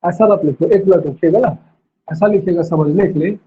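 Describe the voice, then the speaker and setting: A male teacher dictating class notes, repeating each phrase slowly so students can write it down. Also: high voice, slightly rough. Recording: tinny phone-like audio.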